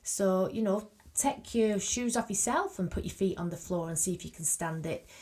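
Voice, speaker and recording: A woman from a charity talks as a radio guest, chatty and easygoing, often adding "you know". Her voice is mid-pitched. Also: normal speed, dark tone. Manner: chatty, lots of 'you know'. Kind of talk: casual radio interview.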